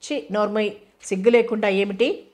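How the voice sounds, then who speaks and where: A woman's voice: mid-range voice, moderate pace, darkish tone, natural voice. Woman reading a young wife scolding fondly. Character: fond young wife, scolding her friend.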